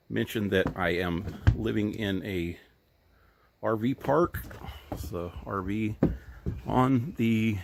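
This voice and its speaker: A man with a lowish voice walks through a casual tour of his tiny workshop, talking in a loose, rambling way with plenty of ums and self-corrections. He is outdoors at a trailer park among tall trees, recorded on a handheld camera mic. A faint hiss sits under his voice. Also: creaky. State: a little out of breath. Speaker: hobby woodworker giving a shop tour.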